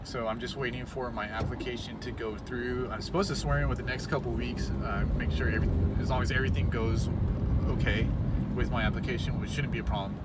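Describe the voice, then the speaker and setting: A man's voice: medium pitch, steady tone, a little fast. A man in his thirties talking casually to camera from his car in traffic, rambling and self-conscious with many restarts. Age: 30s. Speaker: vlogger. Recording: loud road noise, mic far off.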